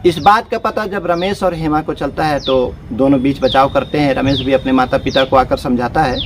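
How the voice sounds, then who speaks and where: A man's voice: mid-range voice, normal speed, background noise. A man casually narrating a story, talking to his listeners as friends in loose, repetitive phrasing.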